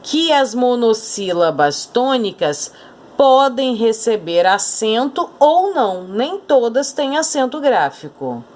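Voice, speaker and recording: Uma mulher com sotaque brasileiro dá uma aula de português para crianças, falando devagar e repetindo as palavras principais. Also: female voice, a little high, big pitch swings, a little mellow. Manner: slow, deliberate, repeats key words. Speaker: teacher. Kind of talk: Portuguese grammar lesson for children.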